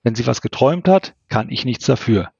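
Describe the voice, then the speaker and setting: Ein Mann, der einen Teenager-Jungen liest, der sich rechtfertigt. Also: male voice, medium pitch, animated, fairly quick, vocal fry, darkish tone, breathy edge, no room sound, muffled recording. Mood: defensive. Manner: justifying himself. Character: defensive teenage boy.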